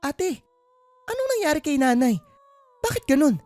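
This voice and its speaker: A woman's voice: high voice, big pitch swings, moderate pace, darkish tone, no room sound. A woman voicing a young woman who pleads and questions urgently in a dramatized horror story. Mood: pleading, distressed. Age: young adult.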